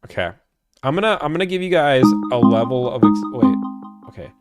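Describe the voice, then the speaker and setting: A man hosting in a casual style, low-key on the phone and more animated when he explains to his online audience. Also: a little fast, loud music behind the voice. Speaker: host, car buying negotiator.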